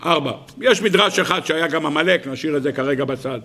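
A man giving a lively Torah sermon in style, an animated storyteller who asks rhetorical questions and acts out the characters. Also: a little high. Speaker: rabbi giving a Torah lesson.

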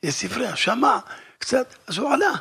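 A man preaching a religious story in an animated way, acting out the dialogue and dropping now and then into a whisper. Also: extremely high pitch, gravelly, slightly rough. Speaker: preacher telling a religious tale. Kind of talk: storytelling sermon.

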